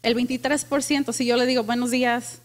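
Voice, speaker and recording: A woman pastor preaching a lively sermon to a congregation, asking them questions and dropping in English phrases. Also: high voice, quick pace. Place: church with congregation.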